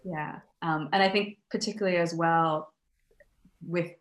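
A young American crochet designer, chatty and easygoing, guests on a podcast in casual interview talk, filling her thoughts with ums, restarts, and quick laughs. Her voice sits a little low with fairly even intonation, and the roomy sound carries a clear echo.

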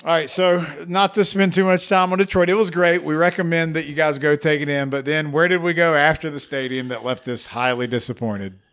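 An American man in easy podcast banter, recounting a ballgame trip with jokes. His voice sits a bit high and sounds smooth and clear. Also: brisk, hardly any pauses. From United States. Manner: joking, animated storyteller. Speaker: podcast co-host. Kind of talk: casual chat.

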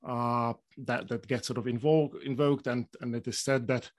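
A man's voice: medium pitch, fairly even intonation, moderate pace. A man from Slovakia speaking as a panel guest, often hesitating and repeating words as he thinks. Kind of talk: panel discussion.

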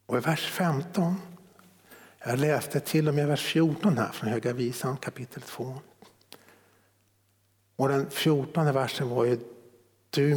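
A man preaching a sermon, reading scripture slowly, dropping to hushed whispers and then rising sharply for emphasis. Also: medium pitch, in a large hall. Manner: swings from hushed whispers to sudden emphatic rises.

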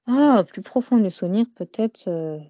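A woman's voice: mid-range voice, animated, moderate pace, warm tone, no echo, highs cut off. A young woman as an interview guest, talking casually and hesitantly, with many fillers and "you know" tags. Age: young adult.

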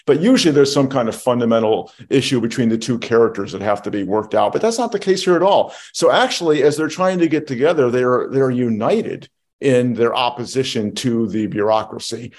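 A man's voice: mid-range voice, brisk, a little mellow. Male film podcast co-host, mid-range voice, thoughtful explainer who restarts his sentences often. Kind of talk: casual film discussion.

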